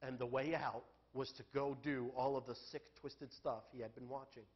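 A male pastor giving a sermon in a church, talking candidly and conversationally, then building to loud, emphatic peaks. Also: mid-range voice, steady tone, moderate pace, muffled recording.

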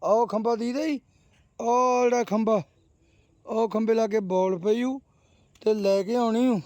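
A man's voice: very high-pitched, steady tone, a little slow, a little mellow. A man, casually coaxing his dog with short repeated commands in a home video. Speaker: dog owner showing his pet.

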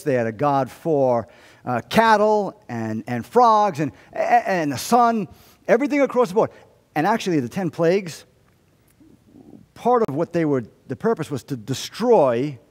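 A middle-aged man preaches in a church sanctuary, his voice a little higher than most men's. He moves between hushed storytelling and emphatic declarations, and a long hall reverb carries every word. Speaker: pastor. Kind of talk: sermon with prayer.

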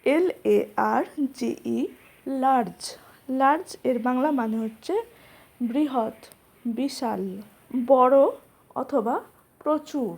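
A woman gives an English vocabulary lesson in a slightly high voice. She spells every word letter by letter and repeats each meaning clearly. Her delivery is slow and steady, like a classroom drill. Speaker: teacher.

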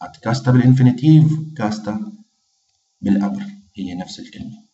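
A man teaching a casual lesson, slowly repeating each phrase. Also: mid-range voice, lively intonation, dark tone, far from the mic. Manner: slow, patient, repeats each phrase twice. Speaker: language teacher. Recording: dull, echoey room, off-mic.

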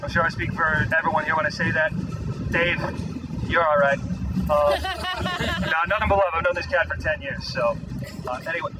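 A man's voice: on the high side, expressive. Rambling man asking from the crowd. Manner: rambling, halting, full of restarts. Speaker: audience member asking a question. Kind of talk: casual question from the crowd. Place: outdoors at a public gathering. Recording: distant mic with street noise.

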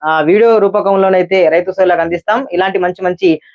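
A man's voice: high voice, steady tone, quick pace. A man gives an unscripted market price report as a channel host, with repetitive phrasing and small stumbles over figures. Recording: dull lo-fi sound.

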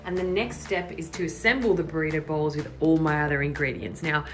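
A woman's voice: deep voice, steady tone, a little fast. A young woman hosting a cooking vlog, explaining a recipe to camera in a friendly, instructive way from her home kitchen. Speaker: cooking vlogger. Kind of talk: upbeat cooking tutorial. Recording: music clearly underneath.

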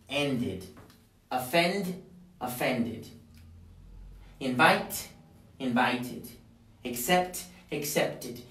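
A man teaching a pronunciation lesson in a classroom, repeating words slowly for his students to drill. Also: a little high, a bit bright. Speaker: English teacher. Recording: echoey room, mic at a distance.

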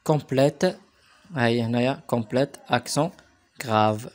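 A man with a Moroccan Arabic accent giving a remote French lesson to primary pupils, spelling words out slowly and repeating them. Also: medium pitch. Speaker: French teacher.

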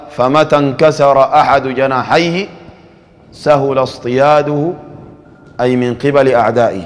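A man preaches with a Sudanese Arabic accent, moving between teaching and acting out quoted exchanges in an easy, conversational way. His voice sits at a middle pitch for a man. The recording carries a long reverb, as in a large hall. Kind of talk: sermon.

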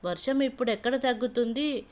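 A woman's voice: on the high side, a little fast, a little mellow, lightly acted. A woman storyteller voicing a grown man, a husband who speaks in a dry, cutting, matter-of-fact way, in a storybook reading. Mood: dismissive.

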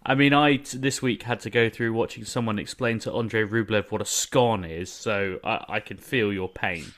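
A man's voice: on the low side, moderate pace, a bit bright. A man with a British accent hosting a podcast in casual, chatty style. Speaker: podcast host, journalist.

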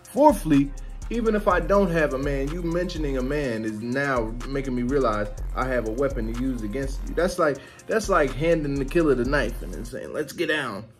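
A man's voice: medium pitch, moderate pace, faint music behind. A man hosting a reaction video, giving joking, slangy commentary on clips.

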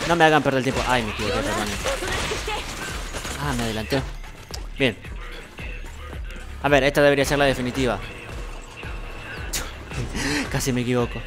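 A man with an Argentine accent giving excitable, boastful gameplay commentary at his computer, swearing casually. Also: medium pitch, quick pace, long pauses. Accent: Argentine Spanish. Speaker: gaming streamer. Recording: loud game music behind voice.

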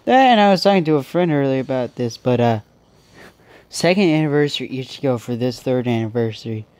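This young gaming host, nose stuffed up, keeps up loose commentary over a mobile game, restarting his thoughts again and again. He talks a little fast at medium pitch, expressive and smooth with a darkish tone, in a dry space with no room sound.

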